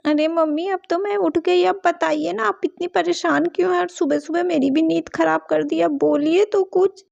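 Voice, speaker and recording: A woman's voice: very high voice, fairly even intonation, normal speed, vocal fry, a little mellow, lo-fi sound, heavily acted. A woman voicing a young daughter in a doll story, whiny and complaining. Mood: grumbling. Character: young daughter, sleepy and grumbling.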